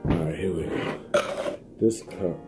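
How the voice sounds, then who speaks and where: A man's voice: sits low, slow. A laid-back man, chatting casually to viewers of his home vlog. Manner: laid-back, folksy, addresses viewers as team. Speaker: vlog co-host. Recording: faint music behind.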